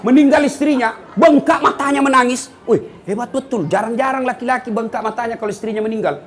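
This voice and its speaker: A man preaching a humorous sermon to an audience, lively and teasing, mimicking the people he talks about. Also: very high-pitched, fast, slight background noise. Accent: Makassar.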